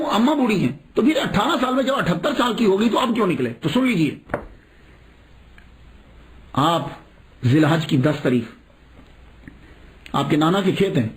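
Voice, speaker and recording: A male preacher tells a religious story with a lively voice that leaps up and down, sitting fairly high for a man. He throws in rhetorical questions and chuckles as the tale unfolds.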